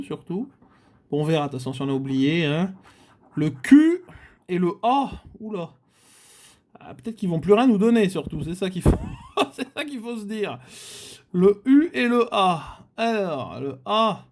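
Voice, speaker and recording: A man's voice: a little high, a little mellow. A man from France hosting his own channel, giving casual running commentary as he scratches tickets, muttering and repeating letters aloud with frequent filler sounds. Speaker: scratch-card channel host.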